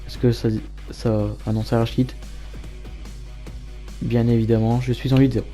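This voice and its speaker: A man giving matter-of-fact play-by-play commentary as a gamer over his own match highlights. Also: flat delivery, normal speed, mellow, soft background music. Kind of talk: gameplay commentary.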